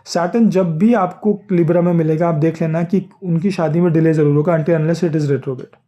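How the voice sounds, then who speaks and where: A man's voice: on the high side, steady tone, moderate pace, warm tone. A man giving a casual explanatory lesson on astrology, switching between Hindi and English and often checking in with listeners. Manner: conversational, repeats "ठीक है", many fillers and self-corrections. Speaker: astrology teacher.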